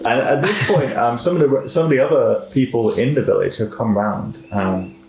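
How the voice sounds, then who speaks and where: A man narrating a tabletop game as game master, casually and haltingly, among friends. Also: mid-range voice, a crowd in the background. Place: indoor room, in-person group session. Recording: echoey room, clear background noise.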